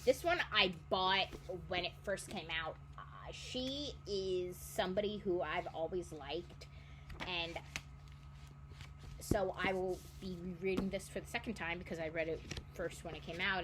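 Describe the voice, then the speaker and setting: A book vlogger in her twenties chats casually about books she'd like to reread, rambling and frequently correcting herself. Her voice is on the low side, her pace moderate, and there's noise in the background.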